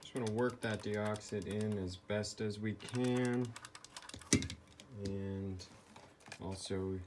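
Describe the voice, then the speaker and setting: A man's voice: fairly low pitch, steady tone, slow. A man giving a hands-on repair tutorial, explaining things step by step. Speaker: repair video host. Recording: clearly noisy background.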